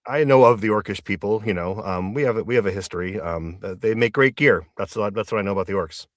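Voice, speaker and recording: A man's voice: fairly low pitch, fast, no room sound, clean studio sound. A man playing a tabletop game in character, speaking hesitantly with many fillers and restarts. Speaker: player.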